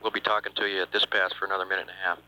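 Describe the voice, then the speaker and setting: A man's voice: low voice, level tone, rapid-fire. A man making businesslike, clipped procedural calls over radio as a mission controller. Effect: radio transmission. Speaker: capsule communicator at mission control. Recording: faint radio hum and hiss.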